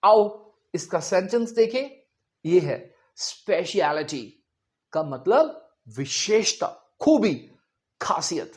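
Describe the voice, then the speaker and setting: A man from India teaching English pronunciation, who says each word slowly several times and quizzes the listener. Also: high-pitched, sing-song. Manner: drills words slowly, repeating them and quizzing the listener. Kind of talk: spoken language lesson.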